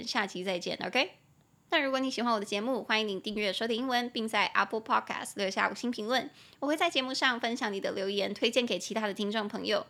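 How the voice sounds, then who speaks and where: A woman with a Taiwanese Mandarin accent hosting a solo English-lesson podcast, chatting casually and spelling words out slowly letter by letter. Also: on the high side, bright, forceful tone. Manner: chatty, opinionated asides. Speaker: podcast host and English teacher.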